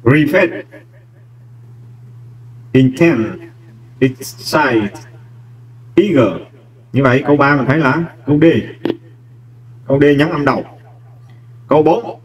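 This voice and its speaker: A man's voice: medium pitch, takes it slowly, long pauses, distant mic, rough recording. A man, a teacher walking students step by step through an English exam, speaking to them directly and kindly. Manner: explains step by step, addressing students warmly as "các em". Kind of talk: exam walkthrough lesson.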